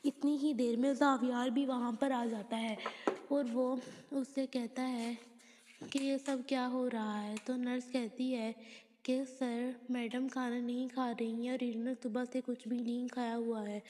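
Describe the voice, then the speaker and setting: A woman's voice: fairly high pitch, a little hiss or hum. A woman retelling the plot of a TV drama episode scene by scene, reading the characters' lines in a plain recounting way. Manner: plain recounting with quoted lines read flatly. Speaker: drama episode recap narrator. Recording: long hall reverb.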